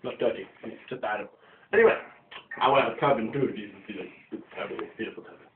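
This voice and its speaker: A man putting on a loud, crude foreign man with a Middle Eastern accent, ranting insults in an amateur comedy skit. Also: fairly low pitch, quick pace, echoey room, distant mic, phone-quality sound, a little hiss or hum, close to an everyday voice. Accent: put-on Middle Eastern. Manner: rude, ranting, mock-pompous.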